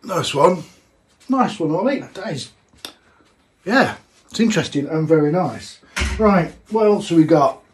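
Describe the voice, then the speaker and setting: A man's voice: fairly high pitch, lively intonation, unhurried, long pauses. A man, chatting casually as he tastes a homebrewed beer in a small home brewing room, thinking aloud with plenty of fillers. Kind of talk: casual tasting vlog.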